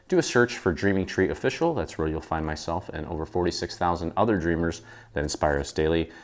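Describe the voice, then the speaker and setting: In an indoor craft studio, an American man with a low voice hosts a craft tutorial. He keeps it casual and easygoing, walking through each step informally.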